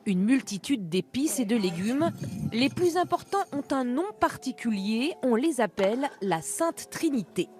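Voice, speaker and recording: A woman's voice: fairly high pitch, animated, measured pace, a little mellow. A woman reporter reading scripted narration for a television news report.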